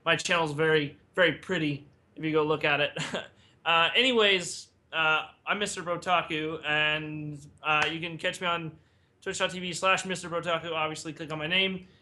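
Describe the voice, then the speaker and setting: A man joins a podcast as a guest streamer and rambles casually. His voice is very bright and slightly high-pitched. He often sounds amused at himself. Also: steady tone, moderate pace, a little hiss or hum. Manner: goofy, rambling, self-amused.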